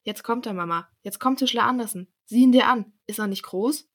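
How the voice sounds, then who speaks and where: A woman reading out eager little gnome children, loud and gravelly. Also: mid-range voice, fast. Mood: excited. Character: cheerful excited gnome children, small and eager. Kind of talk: storybook reading.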